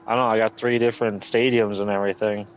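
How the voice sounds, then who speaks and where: A man's voice: on the low side, little pitch movement, quick pace, muffled recording, slight background noise. A man streaming a game, chatting casually and laughing as he rambles. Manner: laid-back, rambling, laughs often. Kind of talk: casual chat while gaming.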